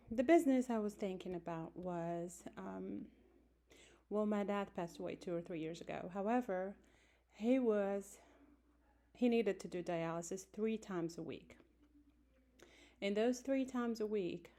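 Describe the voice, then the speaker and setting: A Moroccan woman in her forties who grew up in France introduces herself to a class, taking her time and using many fillers and self-corrections. Her voice is mid-range with a dark tone, captured on a phone held close in a small room.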